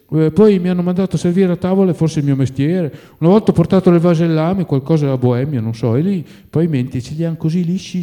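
Fields: Figure: old male servant, poor and fond of drink, voiced by a man. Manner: plaintive, sighing, grumbling, calls on God. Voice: mellow, pitched a bit high. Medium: audiobook. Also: lightly acted.

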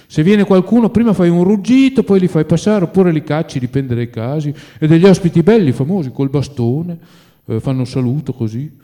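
A man's voice: a little high, animated, brisk, mellow, lightly acted. A man doing an old, lamenting servant. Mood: grumbling. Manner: plaintive, sighing, pious grumbling. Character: old male servant, poor, drinking, lamenting.

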